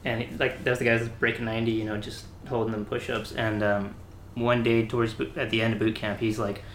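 A man in casual chat, telling boot camp stories in an animated way and often saying "like". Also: lowish voice, a little fast, reverberant, a little hiss or hum. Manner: animated storyteller who often says "like".

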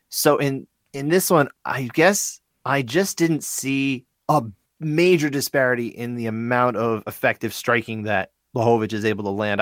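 A man co-hosting a sports podcast in casual chat, animated and full of restarts and asides. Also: mid-range voice, no room sound, clean studio sound. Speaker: podcast co-host.

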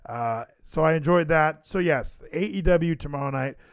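A man's voice: on the high side, moderate pace, smooth, no echo, studio quality. A man hosting a podcast livestream in casual chat, rambling and emphatic, repeating phrases for effect. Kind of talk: casual wrestling show chat.

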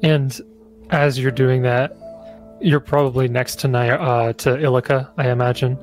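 A male game master narrates a tabletop fantasy scene at an unhurried pace. He describes things at length and leans on fillers, at a middle pitch for a man. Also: little pitch movement, a little mellow, soft background music.

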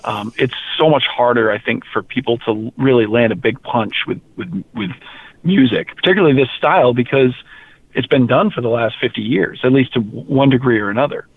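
A man from rural Maine, a heavy metal musician, talking casually in an interview, animated and quick to repeat words. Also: mid-range voice, gravelly, slightly rough. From rural Maine, USA. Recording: tinny phone-like line.

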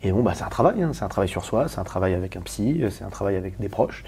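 A man from Paris, a guest talking candidly in an interview, rapid and emphatic with many restarts and questions to the listener. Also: low voice, expressive, a little mellow, slight background noise. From Paris, France.

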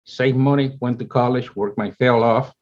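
A chief executive in his seventies, Cuban by birth with Spanish as his first language, relates his life story in English during an interview, rambling and restarting often. He speaks at normal speed in a medium-pitched, a little mellow voice with fairly even intonation. The sound is dull and lo-fi.

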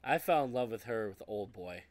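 Man in his 30s, podcast co-host, animated and foul-mouthed, dry close sound. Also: on the low side, a little fast, dry recording. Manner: animated, profane, acts out quotes. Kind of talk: casual movie chat.

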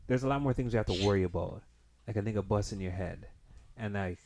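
A man's voice: on the low side, fast, vocal fry, noisy background. A young man hosting a casual chat, speaking in a hesitant, rambling way with heavy street slang. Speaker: podcast host.

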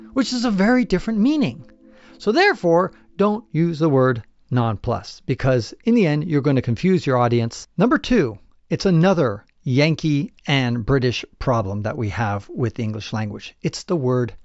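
A man hosting a podcast, talking casually with animated, opinionated asides. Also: a little high. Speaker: podcast host.

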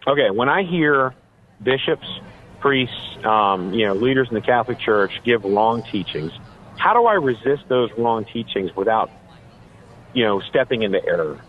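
Male call-in listener heard over the phone, hesitant and halting, muffled line with light hiss. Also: medium pitch, animated. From Connecticut. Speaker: caller. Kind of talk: call-in radio question.

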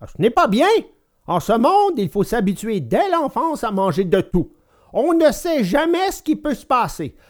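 A woman voicing a patient, kindly old woodcarver in a storybook reading, slow and gentle, giving little lessons. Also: on the high side, big pitch swings. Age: older.

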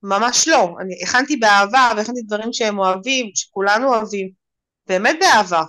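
A woman in a group, earnestly sharing a personal story, halting and full of fillers. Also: mid-range voice, bright, forceful tone. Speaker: group participant.

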